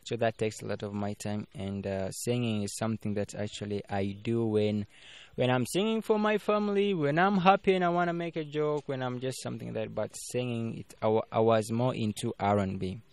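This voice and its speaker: Brisk and smooth, a little mellow and mid-range, the voice belongs to a young man from Uganda who is a filmmaker guest in an interview. He talks casually and ramblingly, often restarting and using fillers. No room sound is audible.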